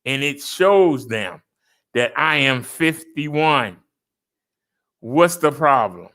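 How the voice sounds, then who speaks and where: Drawing out his words with lively intonation, a man in his fifties vents in a casual vlog monologue, argumentative and repetitive. His medium-pitched voice has a fairly bright tone.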